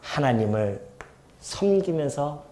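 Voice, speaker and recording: An animated Korean pastor delivers an expository sermon in church, his lively-pitched male voice moving slowly and swinging between loud emphasis and soft asides. He asks the congregation questions and acts out quoted speech. Slight background noise is present.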